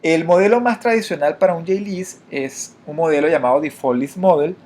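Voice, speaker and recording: Male instructor, slightly high voice, patient step-by-step code walkthrough with hesitant fillers. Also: normal speed, a little mellow. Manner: explanatory, frequent fillers and restarts, addresses viewers directly. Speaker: programming instructor. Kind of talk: screen-recorded coding tutorial.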